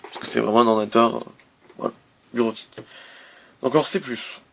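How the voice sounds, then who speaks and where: A man's voice: mid-range voice, steady tone, brisk, creaky. A man casually reviewing a laptop on camera, hesitant, with many fillers and restarts. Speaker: tech reviewer.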